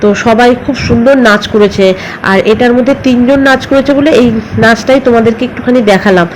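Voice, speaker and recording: Talking fast in a voice on the high side, a middle-aged family vlogger rambles chattily through her narration and keeps picking back up with fillers. Vehicle sounds and other noise fill the home recording.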